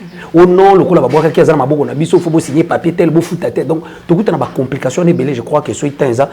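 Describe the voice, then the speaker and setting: A man's voice: a little high, racing, dark tone, a little hiss or hum. A man, a church prophet explaining his work in an earnest casual interview. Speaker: church prophet and orphanage founder.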